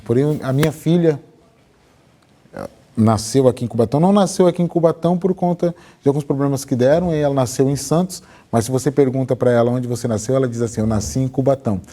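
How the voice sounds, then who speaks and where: A middle-aged man with a Brazilian Portuguese accent hosting a TV interview in a studio, enthusiastic and expressive. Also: medium pitch, fast talker. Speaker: TV interview host.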